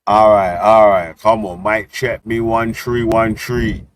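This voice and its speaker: A male livestream host with a London roadman accent talks casually and slangily in a lowish voice. His delivery is slow and loose, full of repeated tag questions as he chats to his stream outdoors. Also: level tone, noisy background. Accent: London, street roadman style. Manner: slangy, repetitive, punctuated with "yeah?" and "innit". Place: outdoors on city streets while streaming.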